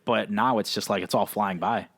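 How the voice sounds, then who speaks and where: With a lowish, creaky voice that still sounds fairly bright, a podcast co-host in his twenties talks at normal speed, with no room sound. He's relaxed in the casual conversation, laughs a lot, and often returns to pet phrases such as "that's nuts."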